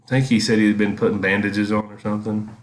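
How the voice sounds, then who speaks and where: A man's voice: on the low side, flat delivery, fast talker. A man giving casual, rambling commentary as he reminisces over his own vlog footage. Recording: echoey, roomy sound.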